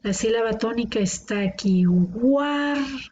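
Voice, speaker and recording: A woman's voice: mid-range voice, steady tone, measured pace, mellow. A woman teaching a grammar lesson, patiently sounding out words syllable by syllable. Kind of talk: classroom grammar explanation. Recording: dull lo-fi recording with faint noise.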